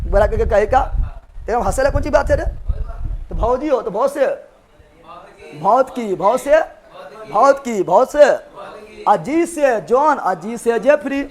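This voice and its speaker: A man teaching a live online revision class, joking and quizzing his students with memory tricks. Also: extremely high pitch. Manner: playful, joking, repeats questions to students. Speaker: exam coaching teacher.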